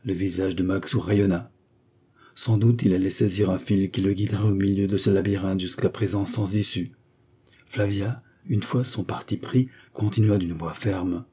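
A man narrating a novel as an audiobook in a measured, dramatic way. His voice is low and dark with a husky texture. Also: fairly even intonation.

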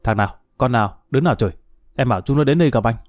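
A man voicing a hot-tempered ex-convict husband who shouts and curses roughly. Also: medium pitch, racing, dry recording, clean studio sound, soft background music, close to an everyday voice. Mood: angry.

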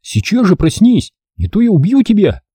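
A man voicing an insistent young boy who shouts to wake a friend, in an audiobook. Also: sits high, wildly swooping pitch, moderate pace, breathy edge, no room sound, clean studio sound, pitched above the performer's own voice, full character voice. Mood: urgent. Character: urgent young boy trying to rouse a friend.

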